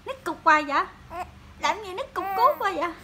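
A woman coos and coaxes her infant with sing-song baby talk. Her voice sits very high and sounds bright. A faint hiss of noise runs underneath. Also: lively intonation, brisk. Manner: coaxing, cooing, sing-song questions. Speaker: mother.

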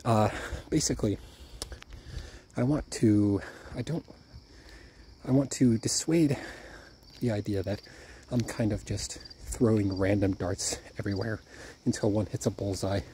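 A man's voice: fairly low pitch, measured pace, dark tone, a little hiss or hum. A man talking through his thoughts in a casual vlog while out walking at night, a bit out of breath, rambling with restarts. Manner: rambling, thinking aloud with restarts. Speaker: YouTuber. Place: outdoors at night on a walk.

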